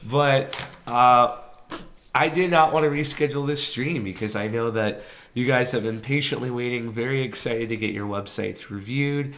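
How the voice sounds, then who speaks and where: Sick-sounding guy hosting a live stream, hoarse and stuffy, chatty, keeps apologizing. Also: mid-range voice, a little fast, fairly bright tone. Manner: chatty, laughs easily, apologetic. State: congested, sick voice. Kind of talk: casual live stream chat.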